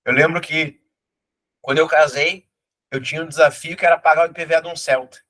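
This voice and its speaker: A man's voice: a little high, fairly even intonation, a little fast, a bit bright. A middle-aged man with a southern Brazilian accent, a teacher telling folksy motivational anecdotes and acting out the characters in them. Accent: southern Brazilian (gaúcho). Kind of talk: motivational storytelling.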